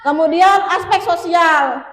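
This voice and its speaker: A woman with a high voice gives a casual workshop talk to teachers. She chats directly with her listeners, calling them sir and ma'am. Her voice rings in an echoey meeting room. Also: slow, fairly bright tone. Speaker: workshop presenter.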